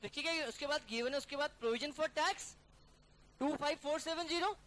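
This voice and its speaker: Brisk man teaching accounting. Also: very high-pitched, bright, forceful tone. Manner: brisk, coaxing students to call out figures; calls students "beta" and "yaar". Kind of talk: classroom lecture working through a problem.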